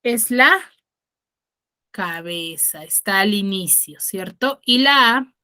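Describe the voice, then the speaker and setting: Bright-voiced woman teaching online. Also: medium pitch, lively intonation, takes it slowly. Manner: checks understanding with frequent "ya?" and questions students; patient, explanatory, stresses key words.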